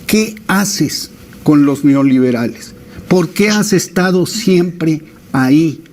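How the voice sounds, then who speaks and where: A man's voice: on the high side, expressive, takes it slowly, darkish tone. A man, a producer in a heated debate, firing off confrontational rhetorical questions. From Mexico.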